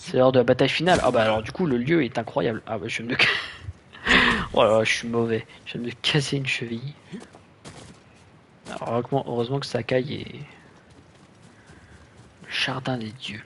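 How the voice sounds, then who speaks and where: A man's voice: medium pitch, gravelly, slight background noise. A man giving casual, playful, exclamatory commentary as he plays a video game. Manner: exclamatory, playful, self-deprecating. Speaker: gamer, let's play host. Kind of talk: casual excitable gameplay commentary.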